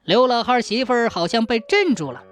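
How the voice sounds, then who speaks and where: A woman narrating a ghost story in a measured, suspenseful way. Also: a little high, big pitch swings, faint music behind.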